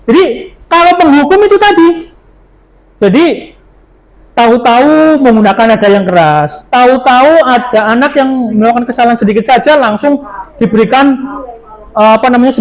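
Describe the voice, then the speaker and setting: A man's voice: very high-pitched, rough recording. A man, a teacher, gives a workshop presentation to fellow teachers, explaining at length with frequent fillers and playful asides.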